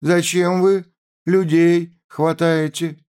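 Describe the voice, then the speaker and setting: A man's voice: mid-range voice, big pitch swings, very slow, dark tone, pitched above the performer's own voice. A man voicing an aging mother, fierce and grieving, who cries out and pleads in a raised voice. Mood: indignant, pleading.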